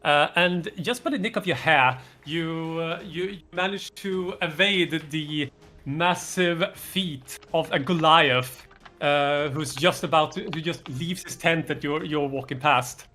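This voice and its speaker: A man's voice: on the high side, measured pace, sharp tone, soft background music. A man improvising narration as game master, hesitant and often searching for words.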